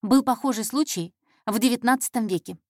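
A woman's voice: on the high side, fairly quick, darkish tone, no room sound, clean studio sound, close to an everyday voice. Woman voicing a flustered young intern reporter. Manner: hesitant, stumbling, fumbling for words. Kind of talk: audiobook character voice.

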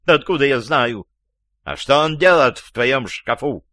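A man voicing a frightened, shrill adult woman in a read-aloud story. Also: lively intonation, a little slow, a bit bright, dry recording, clean studio sound. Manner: shrill, squealing.

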